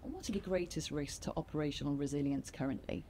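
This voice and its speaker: A woman hosting a conference interview, introducing her guest and asking brisk, polished questions. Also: low voice, mellow, slight background noise. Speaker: interviewer, host. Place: conference venue.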